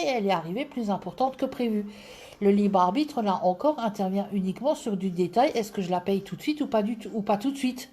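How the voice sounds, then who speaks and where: A woman with an Alsatian accent hosting a live stream as a clairvoyant, talking casually and breaking off to greet viewers by name. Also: mid-range voice. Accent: Alsatian French. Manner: chatty, digressive, greets viewers by name mid-sentence. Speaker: clairvoyant livestream host.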